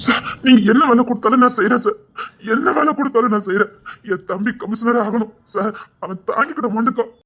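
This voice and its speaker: A man's voice: very high voice, fast, fairly bright tone, full character voice. A man voicing a desperate elder brother, a former bodyguard, who begs over and over with emotion, in a Tirunelveli Tamil accent. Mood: pleading. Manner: begging, repetitive, emotional.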